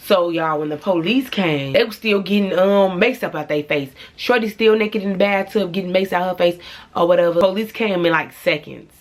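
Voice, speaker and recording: In a storytime vlog, a young woman with a fairly low voice speaks at a moderate pace directly to camera. Her dramatic personal story comes out blunt and full of profanity.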